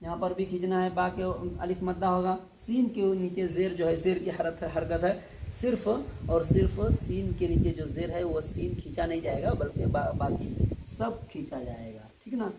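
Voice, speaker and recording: A male teacher giving a spelled-out recitation lesson, patiently drawling each word out slowly and repeating it. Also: high voice. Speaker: Quran reading teacher. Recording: echoey room with faint noise.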